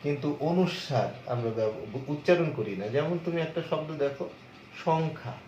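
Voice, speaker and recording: A man's voice: a little high, lively intonation, brisk, darkish tone, slight background noise. Man lecturing in an echoey room. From Bangladesh. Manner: explains step by step, asks questions and answers them himself. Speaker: college lecturer. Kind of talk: lecture on pronunciation. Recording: echoey, muffled room recording.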